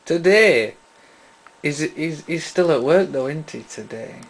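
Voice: mid-range voice, lively intonation, measured pace, gravelly, noisy background. An adult with a Yorkshire accent in a casual chat with a small child, asking simple questions and echoing the answers. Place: small bedroom indoors. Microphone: camera mic, speaker off camera.

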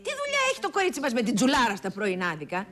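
An actress playing an excitable, gossipy woman with a shrill, animated delivery. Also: a crowd in the background. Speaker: actress in a TV comedy series.

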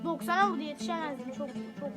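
A woman casually commentating her soccer video game at home, chatting to viewers and shouting at her players when the action heats up. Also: high voice, fast talker, loud music behind the voice. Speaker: gaming channel host. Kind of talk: live gameplay commentary. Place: room at home.

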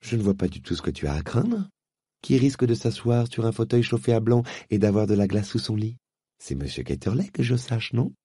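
Man voicing a feisty young girl, indignant, lively, storybook. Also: fairly low pitch, slightly rough, dry recording, studio quality, pitched above the performer's own voice. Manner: sarcastic, quick, indignant. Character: spirited young London girl, sharp-tongued.

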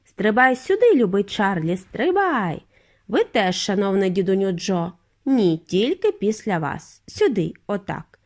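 A woman voicing an eccentric, excitable male factory owner who talks in bouncy, urging exclamations. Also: mid-range voice, measured pace. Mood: gleeful.

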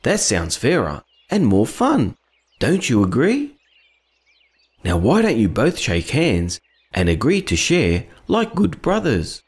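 Lively, kind cartoon mentor. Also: male voice, medium pitch, slow, a little hiss or hum, heavily acted. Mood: caring. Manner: earnest, encouraging, instructive. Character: kind, wise male cartoon friend who guides children. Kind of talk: children's educational cartoon acting.

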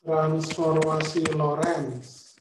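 A man's voice: fairly high pitch, little pitch movement, extremely slow, very echoey, recorded from a distance, background noise. A male physics lecturer patiently explaining an assignment in an online class, his audio choppy and breaking up. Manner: patient, repeats instructions step by step. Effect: choppy audio that keeps breaking up.

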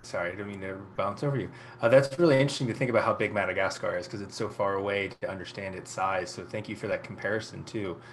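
A man in his thirties moderates a casual online event in a fairly low voice. He is chatty and encouraging, speaking from home into earbuds on a video call with faint background noise. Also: fast talker, few pauses. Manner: chatty, encouraging, hedging asides. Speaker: host moderating audience questions. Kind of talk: casual virtual event hosting. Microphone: wireless earbuds.

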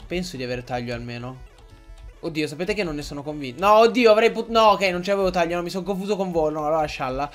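Young man, high voice, gaming commentary, excitable, swears, faint game music behind. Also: fast talker. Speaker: gaming YouTuber. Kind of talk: Let's Play commentary.

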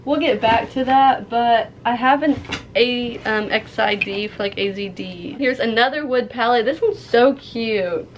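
A young woman with a fairly high voice talks in a bubbly, gushing sorority-girl way, as in a casual unboxing vlog. She is recorded in a small room with some background noise. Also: a little slow. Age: young adult. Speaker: vlogger. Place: small dorm room, indoors. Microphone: camera at about arm's length.

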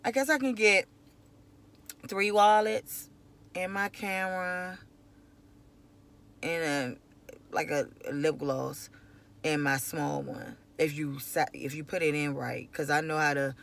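A woman talks casually to her viewers from the seat of a car, recorded on a phone held at arm's length. Her voice has a gravelly, creaky edge. She rambles loosely and circles back over her points. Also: sits low, fairly even intonation, slow pace, pauses often, a bit bright. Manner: loose, rambling, repeats herself. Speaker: vlogger. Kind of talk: casual chat to camera. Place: inside a parked car at night. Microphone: phone camera at arm's length.

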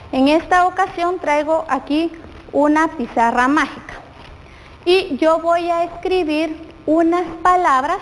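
Slow, high-voiced Guatemalan woman teacher. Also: big-room sound, low-quality recording. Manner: slow, questioning the viewers often. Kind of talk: televised classroom lesson.

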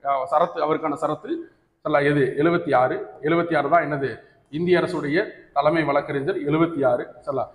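A man's voice: fairly high pitch, steady tone, a little fast. A man with a Tamil accent teaching an exam coaching class, who keeps asking his students "right?" and mixes English terms into his speech. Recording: echoey hall recording.

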